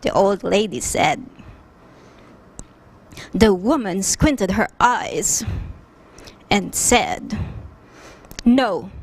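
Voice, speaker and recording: A woman telling a children's story in a slow, animated, expressive way. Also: medium pitch, slightly rough.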